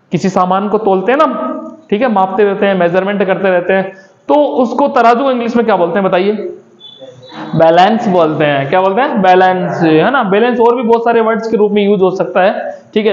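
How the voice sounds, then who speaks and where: A man teaches English vocabulary to children, repeating each word and asking the class to call it back. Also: very high voice. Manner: repetitive call-and-response questioning. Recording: echoey muffled room recording.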